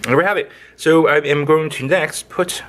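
A man's voice: a little high, normal speed, fairly bright tone. A man hosting a casual cooking video, talking playfully as he works in his kitchen with sing-song sound effects. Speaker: home cook, channel host. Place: indoor kitchen, overhead camera on hands.

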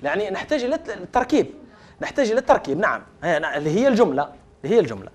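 A middle-aged man with an Algerian accent teaches Arabic grammar in a classroom full of students. His voice sits high and moves across a very wide, animated range. He slides between formal Arabic and dialect and keeps questioning the class before he answers himself. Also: very fast. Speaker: Arabic language lecturer. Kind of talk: classroom lecture.

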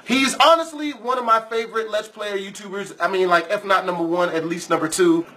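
Male reaction host, high-pitched and bright, blunt casual swearing, music behind. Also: a little fast, a little hiss or hum. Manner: profane, blunt. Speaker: YouTuber, reaction video host. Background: music and horror game video audio.

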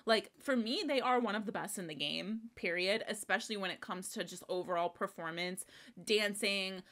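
A young woman giving casual reaction commentary on a music video, excitable and gushing, swearing casually and trailing off into restarts. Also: mid-range voice, normal speed. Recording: faint music playing behind. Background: faint music.

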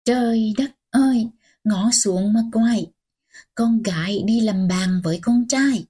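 Woman narrator voicing a strict old grandmother, scolding, slow and mellow, audiobook. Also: on the high side, slightly rough. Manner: scolding, sharp and commanding.

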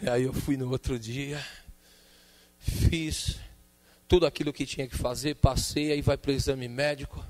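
A man preaching a sermon, telling a personal story with lively acted-out dialogue and calling out to the congregation. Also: mid-range voice, a little slow. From Brazil. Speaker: pastor.

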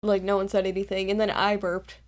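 A woman's voice: mid-range voice, flat delivery, a little fast. A woman co-hosting a casual unscripted chat, giggly and teasing. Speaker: co-host.

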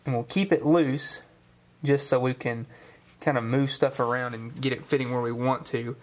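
A young man talks through a classic car restoration in his home garage. He explains each step in a relaxed, matter-of-fact way and throws in the odd corny joke. His voice sits at an ordinary middle pitch. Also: moderate pace. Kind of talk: hands-on how-to narration.

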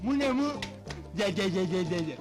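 A man's voice: high voice, lively intonation, normal speed, over music. An actor playing a simple-minded, childlike grown man who repeats words in short bursts, in a 1970s film comedy. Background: loud film score.

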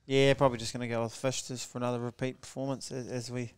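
A male podcast co-host with a broad New Zealand accent and a clear, mid-pitched voice. He banters about sport casually, joking like one of the mates. The recording is dry and close on a headset. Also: level tone, fast talker, no echo. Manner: jokey, matey, tags phrases with "eh". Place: small indoor podcast setup, backdrop and curtains. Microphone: headset mic.

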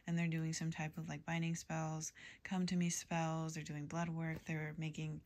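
A woman giving a tarot reading to a general audience, in a calm, even delivery with soft whispered asides. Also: low-pitched, moderate pace. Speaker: tarot reader.

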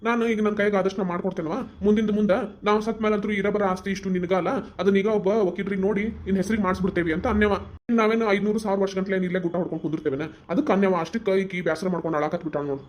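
A voice actor gives a caring older village father in a family cartoon, talking at a breathless clip in North Karnataka Kannada. His voice sits at a plain middle pitch, and he reassures his family in a warm, practical way. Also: steady tone, rapid-fire, close to an everyday voice. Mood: soothing.

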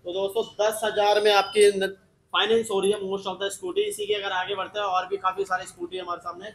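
A man's voice: high voice, little pitch movement, brisk, a bit bright, slight background noise, rough recording. A man hosting a promotional showroom walk-through, questioning and repeating offers for viewers. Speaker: video host. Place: tiled scooter showroom, indoors.

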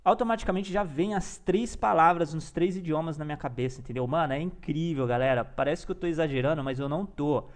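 A man's voice: a little high, fast, hardly any pauses. A young man teaching in a casual, enthusiastic vlog-style lesson, peppering his talk with slang and tag questions. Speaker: language learner and teacher.

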